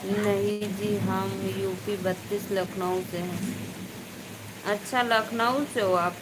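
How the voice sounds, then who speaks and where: A woman from eastern Uttar Pradesh with an Awadhi-tinged Hindi accent, hosting a casual live stream, chatting with viewers by name and speaking loudly over rain. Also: medium pitch, steady tone, takes it slowly. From eastern Uttar Pradesh, India. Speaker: live stream host and folk singer. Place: indoors at home during heavy rain. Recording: faint background noise of rain.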